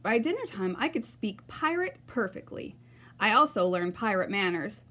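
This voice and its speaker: A woman reads a children's storybook aloud, narrating expressively in a mid-range voice at a moderate pace.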